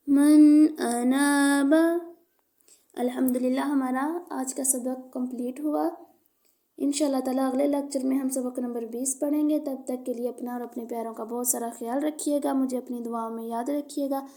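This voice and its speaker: A woman teaching Quran recitation. Her voice sits high yet dark and mellow, with some gravel in it. She spells out each syllable patiently and repeats the words slowly. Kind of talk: slow spelled-out recitation lesson.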